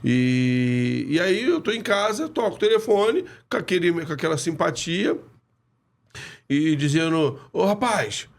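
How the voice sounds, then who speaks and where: A middle-aged man, a former footballer telling lively anecdotes as a podcast guest in a studio. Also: a little high, a little slow, vocal fry. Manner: animated anecdotes, hesitant restarts. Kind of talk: casual storytelling.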